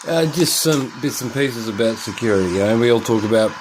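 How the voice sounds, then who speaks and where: A man's voice: medium pitch, expressive, fairly quick, noisy background. A man casually narrating a lockpicking and electronics demo, rambling and swearing as he thinks aloud indoors at home.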